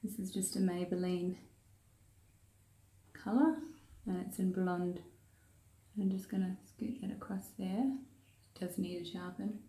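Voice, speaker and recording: A woman's voice: mid-range voice, a little slow, long pauses, recorded from a distance. A woman with a New Zealand accent, chatting her way casually through a step-by-step makeup tutorial as she works. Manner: chatty, relaxed, talks while working. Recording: roomy echo, voice off-mic.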